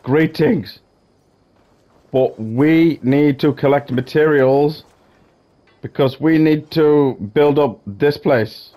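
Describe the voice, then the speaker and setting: A young man giving excitable, jokey gameplay commentary, swearing often and slipping into mock-heroic asides. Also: on the high side, takes it slowly, highs cut off. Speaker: gaming YouTuber.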